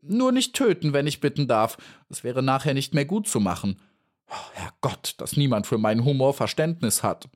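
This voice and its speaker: A man's voice: sing-song, moderate pace, slightly rough. A man voicing a cheeky, boastful little female housefly in a storybook reading, cocky and dismissive. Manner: cocky and dismissive, then shrill and pleading.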